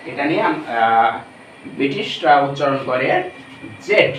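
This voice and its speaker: A man with a Bangladeshi accent gives a classroom-style lesson, repeating each item and quizzing his students as he goes. His voice sits a little high. He sounds distant from the mic in a roomy, echoing space with faint background ambience. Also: animated, normal speed, slight background noise. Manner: repetitive, drilling each letter, asks questions to students. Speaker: English teacher.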